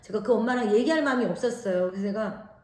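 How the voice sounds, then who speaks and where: Loud animated Korean woman, roomy sound. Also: mid-range voice, quick pace. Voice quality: naturally loud voice. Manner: animated, acts out quoted lines. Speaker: vlogger, mother. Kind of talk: casual storytelling.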